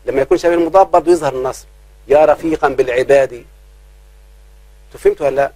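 A man with an Egyptian accent teaching grammar in a live class, checking often whether students follow and drawing out his examples slowly. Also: on the high side, darkish tone, dry recording, poor audio. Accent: Egyptian Arabic. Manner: keeps quizzing students, slows down to drawl examples.

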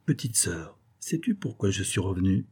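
A man voicing an earnest young nobleman who speaks gravely and insistently to his younger sister in an audiobook. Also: sits low, big pitch swings, normal speed, warm tone, full character voice. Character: earnest young nobleman, protective older brother.

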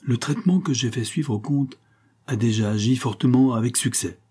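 Grave, calm storybook doctor, read by a man. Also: medium pitch, slightly rough, pitched above the performer's own voice, close to an everyday voice. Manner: grave, measured, soothing.

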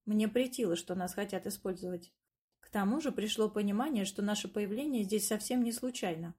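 A woman tells a first-person fantasy story as audiobook narration. Her delivery is lively, and she gives the narrator's asides an ironic edge. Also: mid-range voice.

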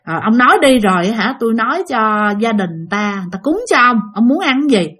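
A woman's voice: fairly high pitch, expressive, fairly quick, a bit bright. Chatty Southern Vietnamese woman storyteller. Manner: chatty, addresses listeners directly. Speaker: ghost story channel host. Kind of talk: storytelling narration.

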